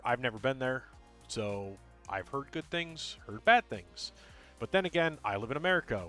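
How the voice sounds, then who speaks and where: A male game streamer talks through his run and answers chat, mumbling and rambling with plenty of ums. His pitch swings widely and he sounds animated. Soft game music plays faintly behind him. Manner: tends to mumble and talk fast; rambling, full of ums and uhs. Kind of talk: casual gameplay commentary, chatting with viewers.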